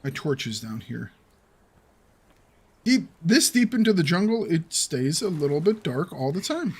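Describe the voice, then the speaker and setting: Gamer host, young man, slightly high voice, unhurried and teasing. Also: big pitch swings, a little mellow, slightly rough. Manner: playful, taunts the game's animals. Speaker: gaming video host. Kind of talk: let's play commentary.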